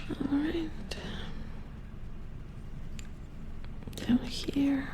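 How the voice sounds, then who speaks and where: Here a woman takes the part of an attentive, slightly anxious robot repair engineer for an ASMR roleplay, whispering breathily and hesitantly as she works. She pitches her voice high and acts it heavily over a rough recording, sounding focused and concerned.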